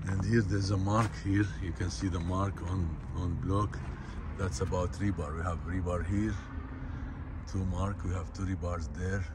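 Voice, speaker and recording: Deep flat guy explaining site work, repeats himself, phone mic outdoors. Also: noisy background. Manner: plain, repetitive, halting phrasing. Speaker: construction site supervisor. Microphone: phone camera held by the speaker.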